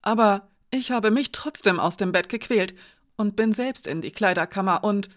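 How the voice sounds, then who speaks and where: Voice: medium pitch, normal speed, pitched above the performer's own voice, close to an everyday voice. An audiobook reader voicing a nervous male servant who stammers and rambles as he pleads. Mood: pleading. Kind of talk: audiobook character voice.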